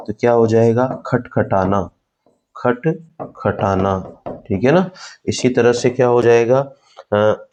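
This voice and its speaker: Low-voiced man slowly dictating grammar notes. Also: darkish tone, highs cut off. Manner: slow dictation, repeating key words; asks the class questions and answers them himself. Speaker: Hindi grammar teacher.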